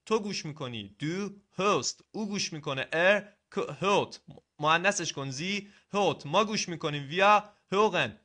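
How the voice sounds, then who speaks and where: A young man teaching a German grammar lesson in a casual, energetic way, coaching the viewer directly and urging them to practice. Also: fairly high pitch. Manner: energetic, coaxing, talks straight to the learner. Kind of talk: casual video language lesson.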